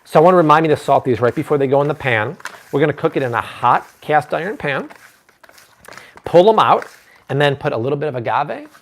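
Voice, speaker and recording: With a fairly high pitch and lively intonation, a male cooking host in his thirties talks a little fast as he streams live from his home kitchen. He chats with viewers and reads their comments.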